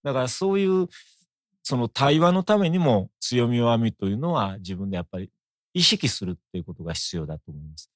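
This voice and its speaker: A middle-aged man with an Osaka accent, a guest in a conversational interview, talking in a measured, reflective way. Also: mid-range voice, big pitch swings, dry recording, clean studio sound. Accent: Osaka Japanese.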